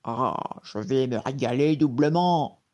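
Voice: mid-range voice, takes it slowly, a little mellow, lightly acted. A reader putting on a grumbling forest genie. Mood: gloating. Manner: grumbling, then whimpering and pleading. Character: hulking male forest genie, greedy bully turned coward. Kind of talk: storybook character voice.

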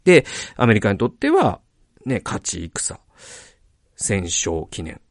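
A man hosting a podcast, talking casually about acting in films, animated and rambling, often breaking off and restarting his sentences. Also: lowish voice, slow pace, no echo, clean studio sound. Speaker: podcast host.

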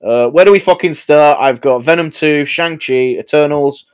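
Man, podcast co-host, animated and profane, dry close-mic sound. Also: a little high, normal speed, clean tone, no room sound. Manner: sweary, animated, stammering restarts. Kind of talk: casual chat.

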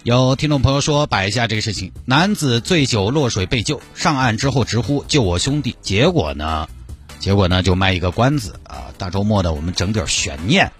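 A man's voice: lowish voice, animated, a little fast, faint music behind. A man hosting a radio show, telling a news story in a playful, teasing way. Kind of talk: comic news chat.

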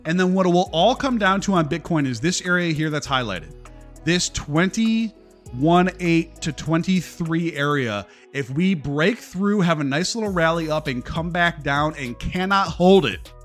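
A man with a slightly raised pitch discusses the markets on a casual live stream, blunt and prone to swearing, responding to viewers' chat comments along the way. His intonation is lively and his pace unhurried, with soft music faintly behind him.

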